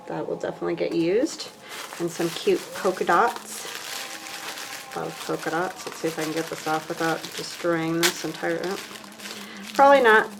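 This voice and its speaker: A woman vlogging casually as she unboxes craft mail, chatty and gushing, thinking out loud as she handles supplies and filling pauses with lots of ums. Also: on the low side, gravelly, noisy background. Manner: chatty and gushing, with many fillers.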